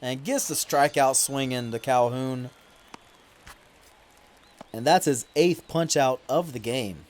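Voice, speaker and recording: A man's voice: mid-range voice, slow pace, pauses often, a little hiss or hum. Man commentating his video game playthrough. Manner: relaxed commentary, flaring into loud indignant complaints at calls. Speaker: gaming YouTuber. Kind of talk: casual play-by-play commentary over a video game.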